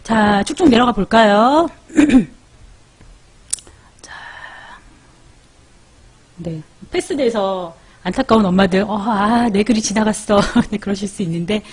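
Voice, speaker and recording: A woman's voice: mid-range voice, animated, normal speed, few pauses, husky. A woman hosting a live parenting stream, chatting casually as she reads viewer comments, calls out their names and gives baby sleep tips.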